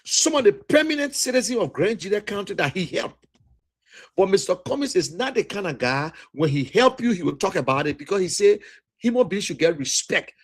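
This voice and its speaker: Speaking with a Liberian English accent, a man from Liberia gives a fiery political speech, hammering and repeating points like a preacher. His voice sits high, very animated and a little fast.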